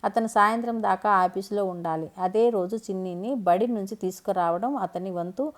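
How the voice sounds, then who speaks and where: A woman reading a scripted family story aloud in a calm, even way. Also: mid-range voice, moderate pace.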